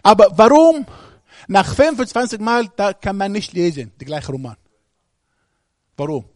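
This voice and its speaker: A man's voice: sits high, lively intonation, normal speed, darkish tone, no room sound, clean studio sound. A man preaching a sermon, speaking emphatically and putting questions straight to the congregation.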